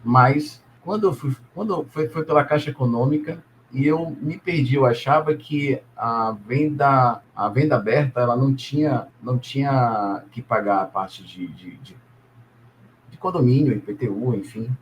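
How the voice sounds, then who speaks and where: Relaxed man, middle-pitched storyteller. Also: normal speed, slight background noise. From Salvador, Brazil. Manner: relaxed storytelling with many hesitations and tag questions. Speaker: guest, businessman and property investor. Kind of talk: interview guest telling his story.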